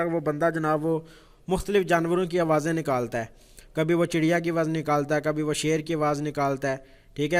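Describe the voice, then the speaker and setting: A man with a Pakistani accent teaching programming in a conversational lecture style, repeating phrases and using frequent fillers. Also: fairly high pitch. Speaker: programming instructor.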